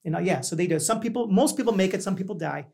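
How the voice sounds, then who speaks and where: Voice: mid-range voice, expressive, fast talker, gravelly, a little mellow. A host chatting casually, telling things in a rambling, conversational way. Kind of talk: casual chat.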